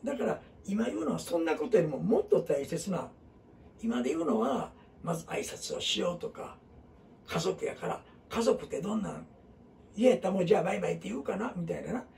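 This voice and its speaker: A man's voice: fairly high pitch, wildly swooping pitch, a little fast, gravelly, darkish tone, far from the mic, slight background noise. A middle-aged man with a Kansai accent, teaching a group in a rambling, casual way full of fillers and asides. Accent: Kansai Japanese. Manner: rambling, talks in dialect with many fillers and asides. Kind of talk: casual classroom talk.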